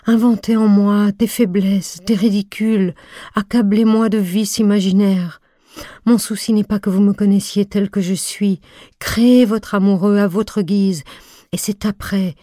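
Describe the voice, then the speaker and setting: A woman's voice: low-pitched, warm tone, no echo, clean studio sound. A woman voicing an eager, shy young man in love, pleading fervently in an audiobook. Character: ardent shy young male suitor, eager.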